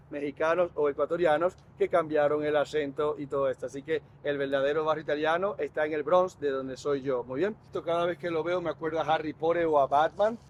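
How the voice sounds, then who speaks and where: A man with a Dominican Spanish accent leads a walking tour outdoors and keeps quizzing his group. His voice sits a little high for a man, with faint city noise behind him. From Dominican Republic. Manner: lively, quizzes the group with questions. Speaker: tour guide. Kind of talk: guided walking tour talk.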